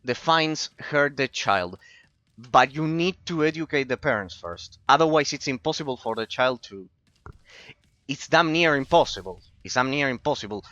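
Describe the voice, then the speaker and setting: Man, bright tense voice, rambling streamer commentary, repeats himself. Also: medium pitch, lively intonation, moderate pace, dry recording, highs cut off. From Argentina. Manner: rambling, repeats phrases, talks philosophy. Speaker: gaming streamer. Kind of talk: casual commentary while gaming, replying to chat.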